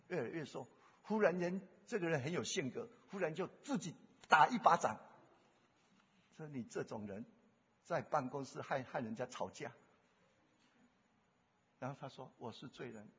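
Man pastor, high voice, storytelling sermon, dull echoey hall sound. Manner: storytelling, acts out dialogue, swings between loud and soft. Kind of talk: sermon with retold personal story.

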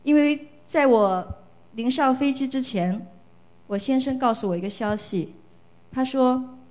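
A middle-aged woman from China tells her story at a church service in a fairly high voice. She speaks earnestly and with feeling, and often repeats a phrase to stress it. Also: unhurried, darkish tone. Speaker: church member giving testimony. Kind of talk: church testimony.

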